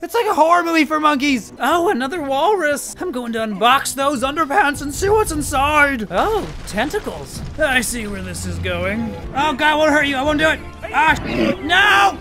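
A gaming video host performs in full character as an excitable tusked walrus, yelping and shrieking at the game in playful let's-play commentary. The voice sits high, pushed and bright, animated at a normal pace, with faint music behind it.

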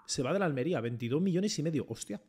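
A young man from Spain, commentating his own football game run with excited swearing and rants. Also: on the high side, rapid-fire, background noise. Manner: excitable, swears a lot, talks to the referee and coach. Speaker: gaming streamer. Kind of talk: live gameplay commentary.

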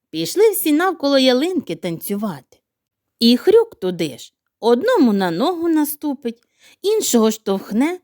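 A woman narrating a children's fairy tale in an animated, playful storytelling manner. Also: sits high, no room sound, studio quality.

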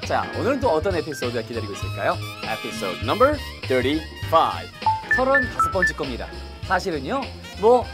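A man leads an upbeat English lesson, his pitch leaping up and down as he talks. He stretches English phrases out slowly for learners and rattles through his explanations much faster. Faint music plays softly underneath. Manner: animated, drawn-out English phrases, quick Korean asides. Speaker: English teacher. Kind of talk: lively video lesson.

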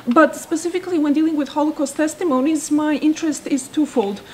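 A woman's voice: sits high, a little fast, a little mellow. A woman historian introducing herself at an academic workshop, articulate with a dry cynical edge, in a seminar room. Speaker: historian, conference panelist. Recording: faint room noise.

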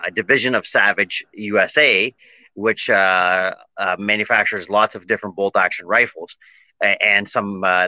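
Canadian businessman, halting answers full of uhs, forceful bright voice, dry dull lo-fi call audio. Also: lowish voice, no echo. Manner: halting, many filler ums and uhs. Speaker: industry association president. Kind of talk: interview answers.

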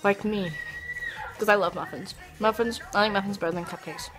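Brisk and steady, with a mid-range voice, the young woman walks through a casual home baking tutorial in her kitchen, her talk full of "like" and "you know." It's a rough recording from a phone or camera held at arm's length, and music plays underneath.

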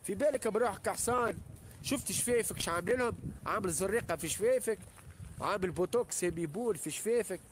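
A Tunisian-accented man with a high-pitched voice rants angrily and quickly on a live stream, with background noise. He hurls insults, boasts, repeats himself, and swears heavily.

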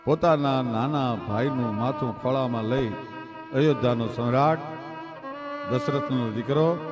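High-voiced Kathiawadi folk storyteller over violin. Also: male voice, in a large hall. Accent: Kathiawadi Gujarati. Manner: dramatic, declamatory, swells and drops sharply. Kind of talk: devotional folk storytelling with sung verses. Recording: live mix with violin accompaniment.

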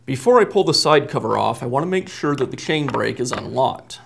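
A man in his thirties, working as a repair technician, demonstrates a hands-on task step by step at an indoor workbench. His medium-pitched voice is gravelly and a bit bright, brisk, with lively intonation, and the audio carries a little hiss or hum.

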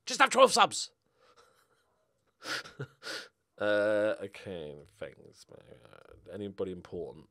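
A low-ish voice with wildly swooping pitch, vocal fry and a sharp tone comes from a middle-aged British man speaking slowly and pausing often. Streaming a football management game, he thinks aloud in casual, jokey, rambling commentary, going back and forth between muttering and exclaiming.

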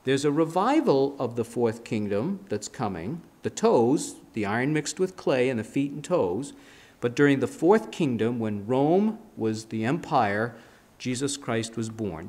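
Animated man preaching from a pulpit. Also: mid-range voice, a little slow. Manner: animated, emphatic preaching with sweeping gestures. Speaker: pastor. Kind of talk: sermon. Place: church sanctuary, standing at a pulpit. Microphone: pulpit mic, filmed by a fixed camera.

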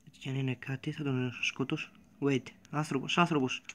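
A young man giving let's-play commentary on a game. He swings between quiet muttering and panicked, sweary yelling. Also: medium pitch, flat delivery. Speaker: gamer.

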